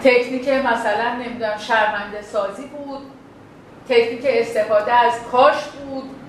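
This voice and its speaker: زنی با صدای زیر در حال تدریس. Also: female voice, fairly high pitch, steady tone. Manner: informal, acts out sample dialogues. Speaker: teacher of a relationship class. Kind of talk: class lecture. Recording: echoey room with faint ambient noise.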